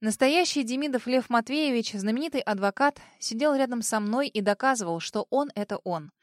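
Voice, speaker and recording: A young adult woman narrating a dramatic story in the first person, with an emotional, expressive reading. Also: fairly high pitch, brisk, no echo, clean studio sound. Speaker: audiobook narrator.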